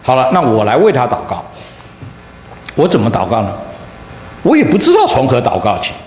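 A man pastor preaching a sermon, telling a story in an animated way that swings from loud highs to soft lows, heard in a church hall. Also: brisk. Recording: echoey hall, faint room noise.

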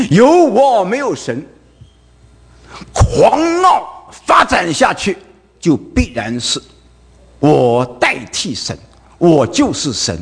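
A man's voice: medium pitch, vocal fry, darkish tone, husky. A man with a Wu-delivering a sermon, firing off rhetorical questions tagged with "right?" and stammering over repeated fillers. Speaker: preacher. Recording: long hall reverb.

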